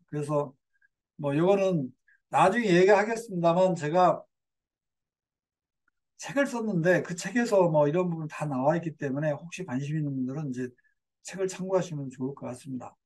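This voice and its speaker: A man's voice: high-pitched, a little mellow. An older man giving a community lecture in a digressive way, with fillers and self-corrections.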